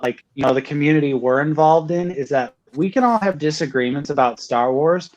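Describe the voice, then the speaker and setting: A man's voice: a little high, brisk, a little mellow, dull audio. A man co-hosting a casual livestream, talking earnestly with emphatic repeats and fillers. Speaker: co-host.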